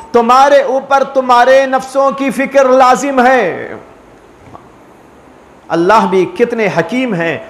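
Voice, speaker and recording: High-voiced earnest preacher man. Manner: earnest, repetitive, uses parables and rhetorical questions. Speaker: mufti giving a spiritual talk. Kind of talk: sermon.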